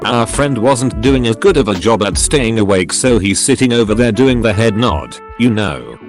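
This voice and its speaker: Low-voiced man reading stories. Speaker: narrator reading forum posts. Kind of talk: scripted narration. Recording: faint music bed behind.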